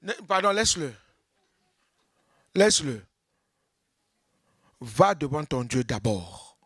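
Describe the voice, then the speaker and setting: A man preaching a sermon as pastor, acting out little scenes of churchgoers and swinging from loud exclamations to hushed tones. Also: a little high, big pitch swings, takes it slowly, slightly rough, dry recording, clean studio sound.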